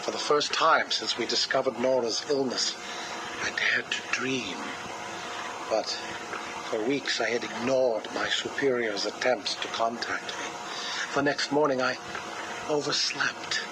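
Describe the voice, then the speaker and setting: Grieving cold scientist on cassette tape. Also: male voice, medium pitch. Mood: mournful. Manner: slow, controlled, mournful delivery. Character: cold grieving male scientist, obsessive and measured. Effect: played back from a cassette tape recording. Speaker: interview subject. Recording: hissy cassette tape playback.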